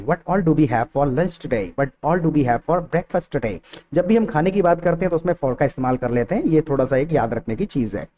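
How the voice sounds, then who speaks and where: A man gives a spoken English lesson. His voice is mellow and dark in tone but sits a little high in pitch. He explains in Hindi, then says each English example slowly and repeats it, and the recording sounds a bit muffled. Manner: switches between Hindi explanation and slow, carefully repeated English example sentences. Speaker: English teacher.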